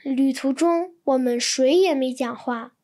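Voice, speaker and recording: A woman reading translated textbook sentences in an even, clear manner. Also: high-pitched, measured pace. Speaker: Chinese translation reader.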